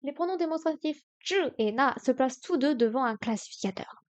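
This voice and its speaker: A woman streaming herself studying Chinese, sounding out words slowly and correcting herself aloud. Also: high voice, lively intonation. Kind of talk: live-stream study session.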